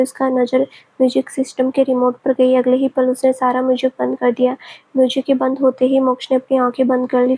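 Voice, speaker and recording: A woman narrating a family story in a steady, scripted reading voice. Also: high-pitched.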